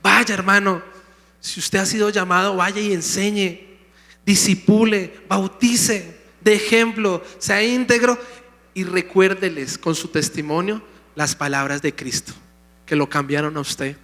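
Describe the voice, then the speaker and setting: A man preaching a sermon in a slightly high voice, emphatic and calling out to his congregation. His words ring out through a church sanctuary. A long hall reverb trails after each phrase. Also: steady tone, a little slow, fairly bright tone. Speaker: pastor.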